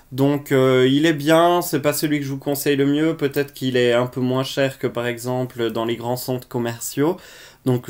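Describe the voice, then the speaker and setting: A man giving a casual makeup product review as a vlogger, chatty and blunt with frequent hesitations. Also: medium pitch. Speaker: beauty vlogger.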